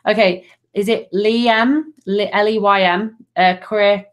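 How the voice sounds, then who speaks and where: A middle-aged woman from Nottingham, England, gives a live angel card reading in a gentle, soothing, affectionate manner, full of fillers and endearments. Her mid-range voice stays steady and a little slow.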